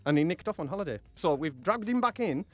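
High-voiced chatty English radio host. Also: male voice, very animated, quick pace, no room sound. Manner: joking, chatty, self-mocking. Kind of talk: casual live radio banter. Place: radio studio.

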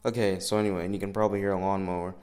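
Young American male podcaster, lowish pitch, loose self-deprecating chat with swearing, echoey garage sound. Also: little pitch movement, very fast, darkish tone, faint music behind. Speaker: podcast host. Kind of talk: casual solo podcast chat. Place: indoors in a garage. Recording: echoey garage room sound, breath pops.

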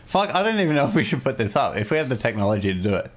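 A man's voice: medium pitch, sing-song, racing. A man co-hosting a podcast in casual chat, joking wryly and swearing as he goes. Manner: wry, joking, profane banter. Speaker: podcast co-host.

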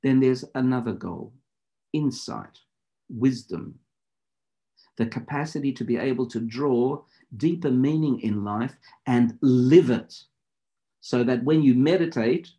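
A man teaching meditation in deliberate, measured phrases, in the instructive style of a spiritual lecture and guided practice. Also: medium pitch, warm tone, highs cut off.

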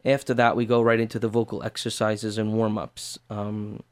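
A man's voice: lowish voice, level tone, moderate pace, smooth. A man working as a voice teacher, answering interview questions in an earnest, step-by-step way.

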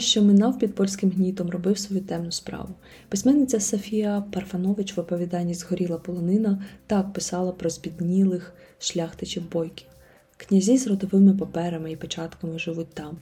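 A woman host reading a scripted podcast narration in a calm, measured way. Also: on the low side, breathy edge.

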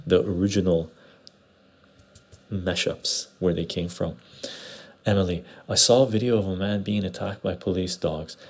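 A man with a gravelly, husky voice chatting casually as a livestream host, laid-back and repeating short phrases, recorded on a clip-on lapel mic. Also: sits low. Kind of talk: casual livestream chat, greeting viewers and reading comments. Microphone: clip-on lapel mic into external recorder.

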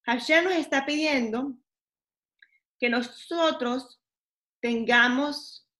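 Woman, bright high voice, relaxed teaching tone that switches into words mid-sentence. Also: slow. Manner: mixes English words into Spanish, asks "¿ok?" often. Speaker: teacher of a weekly class. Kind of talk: casual spiritual lesson.

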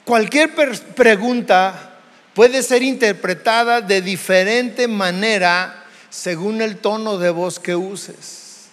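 A Mexican pastor preaches slowly and deliberately, his voice sitting high for a man. The sound carries a long reverb from the church hall around him. He shifts his tone again and again to make his points. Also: a bit bright. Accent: Mexican Spanish. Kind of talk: sermon.

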